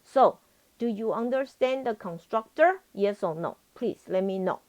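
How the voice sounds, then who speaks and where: A woman professor teaches a live programming lesson, repeating herself and often checking that students understand. Her medium-pitched voice is expressive, measured in pace and darkish in tone, with the highs cut off.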